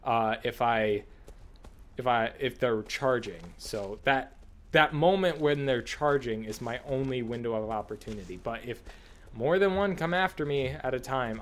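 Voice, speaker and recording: A man's voice: medium pitch, expressive, unhurried. A man giving casual, exasperated, sweary commentary while he plays a horror video game. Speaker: gamer commentating on own play.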